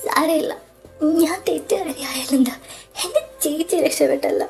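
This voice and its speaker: Casting: high, mellow-voiced woman playing a young college girl, soft and tearful, loyal younger sister in an audio drama. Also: normal speed, gravelly, soft background music. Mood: sad resolve.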